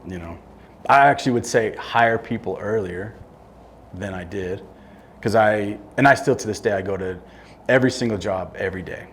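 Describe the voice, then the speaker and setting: Middle-aged guy talking straight, kinda low voice, blunt, restarts his sentences a lot. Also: normal speed, fairly bright tone, a little hiss or hum. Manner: blunt, plain-spoken, restarts mid-sentence. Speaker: construction company owner, guest. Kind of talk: live interview on stage. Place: event room with audience.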